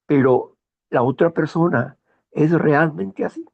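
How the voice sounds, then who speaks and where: A man hosting a morning talk program, speaking in a slow, measured, moralizing monologue with personal anecdotes. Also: on the high side, vocal fry, muffled recording. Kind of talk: reflective monologue.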